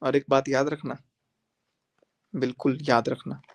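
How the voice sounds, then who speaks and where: A man's voice: mid-range voice, flat delivery, a little slow. A man on a live stream, speaking confrontationally and repeating himself as he calls a rival to join him. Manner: confrontational, repetitive, addressing viewers directly. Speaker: livestreamer.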